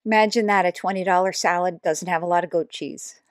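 A woman's voice: fairly low pitch, steady tone, brisk, dry recording. Woman commentator, sarcastic reaction host, dry close sound. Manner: sarcastic, mocking asides. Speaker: YouTube commentator.

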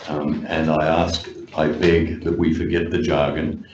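A man speaking as a city councillor in a committee meeting, formal and wry, halting with fillers. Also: very deep voice, level tone. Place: council chamber. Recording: echoey, dull room recording with noise.

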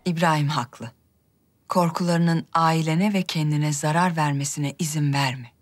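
A woman's voice: low voice, fairly even intonation, measured pace. An actress playing a composed, authoritative Ottoman queen mother in a period drama.

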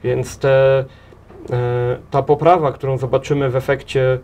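Recorded on a table mic in a small TV studio, the head of a transport association, a man in his thirties, fields interview questions. His medium-pitched, darkish voice stays level while he stumbles through halting runs, restarting and repeating words often.

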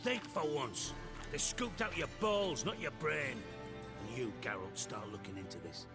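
An actor playing a gruff middle-aged spymaster, brusque, sarcastic and commanding. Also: male voice, medium pitch, very animated, a little slow, over music. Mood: brusque, scornful.

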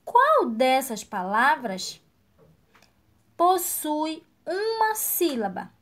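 A woman teaching a recorded lesson to young children, slow and encouraging, praising each answer. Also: high voice, huge pitch swings, fairly bright tone. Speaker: primary school teacher.

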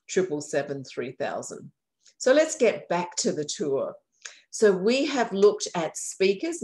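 Speaking over a computer mic on a video call, a woman from a county aging services office walks viewers through a website on a shared screen. She's friendly and explanatory, sometimes correcting herself. Her voice is deep and a little mellow, and the recording quality is low.

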